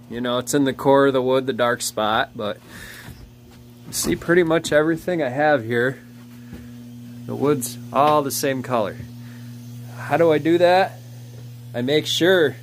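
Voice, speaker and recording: A man's voice: mid-range voice, a little hiss or hum. A man in his thirties, a chainsaw carver, explaining his wood in a rambling, easygoing way while filming on a handheld phone in his workshop and yard. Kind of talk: casual how-to vlog. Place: cluttered workshop and yard, partly outdoors. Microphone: handheld phone camera.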